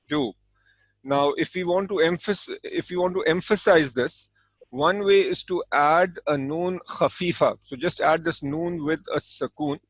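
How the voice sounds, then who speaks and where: A man teaching an Arabic grammar lesson, explaining calmly and step by step, with Arabic terms spoken in between. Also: fairly high pitch, no room sound, poor audio. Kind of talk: recorded language lesson.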